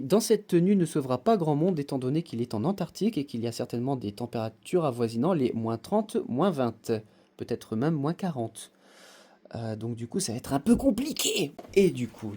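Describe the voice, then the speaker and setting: A man's voice: medium pitch, mellow, husky. A man hosting a casual unboxing video, rambling and joking, with mock-formal asides and lots of hesitations. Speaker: YouTube host unboxing Lego sets.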